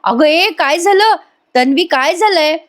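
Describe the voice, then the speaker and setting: A woman voicing a brisk, motherly middle-aged mother-in-law who chides the younger ones. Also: very high voice, animated, pitched above the performer's own voice. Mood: chiding. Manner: brisk, chiding.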